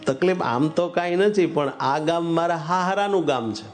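A man's voice: on the high side, moderate pace, soft background music, natural voice. A man voicing a humble, bashful village carpenter in a told religious story, hesitant and pleading, with rural speech.

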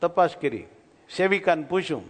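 Animated male preacher in a reverberant hall. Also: fairly high pitch, brisk. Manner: animated, acts out characters, asks listeners questions. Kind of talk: devotional sermon storytelling.

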